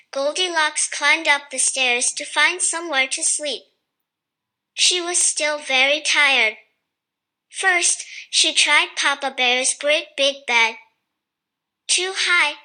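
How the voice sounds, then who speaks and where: A woman tells a children's fairy tale at an unhurried pace. Her voice sits high and sounds very bright, and she keeps the storybook delivery slow and even throughout. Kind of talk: scripted storybook narration.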